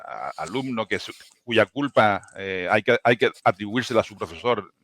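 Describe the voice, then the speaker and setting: A linguistics professor from Tenerife in the Canary Islands argues emphatically on a video-call panel in Canarian-accented Spanish. His voice sits on the low side, expressive and fairly bright, at a moderate pace with no echo, and he often restarts and uses tag questions.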